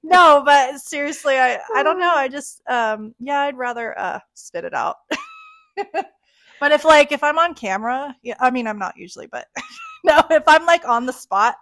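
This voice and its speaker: A young woman co-hosting a podcast and chatting casually. She speaks candidly and breaks into giggles often. Her voice sits fairly high. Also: animated, normal speed, fairly bright tone. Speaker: podcast co-host. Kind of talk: casual chat. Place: live-streamed podcast recording.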